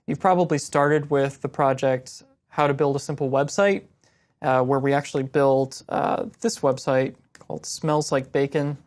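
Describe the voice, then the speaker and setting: Speaking in a fairly low register, a young woman takes viewer questions about web design. She explains step by step in a laid-back, casual screen-share session.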